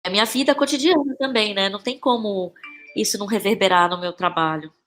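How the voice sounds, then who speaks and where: A Brazilian playwright and actress with a Brazilian Portuguese accent guests on a podcast, speaking fast in a mid-range, fairly bright voice as faint music plays behind. Casual and reflective, she often repeats phrases while searching for words.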